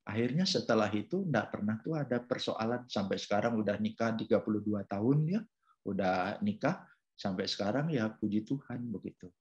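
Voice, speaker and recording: A man in his fifties sharing a personal testimony in a relaxed, conversational church talk, with many fillers. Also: on the low side, moderate pace. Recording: dull lo-fi sound.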